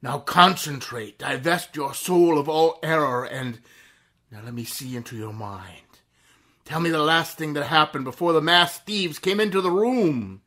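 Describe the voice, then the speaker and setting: A man's voice: a little high, measured pace, fairly bright tone. An actor playing a suave, mocking male mystery vigilante in a 1930s-style radio drama, with a theatrical, menacing delivery. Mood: hypnotic. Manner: theatrical, menacing laugh, hypnotic intonation.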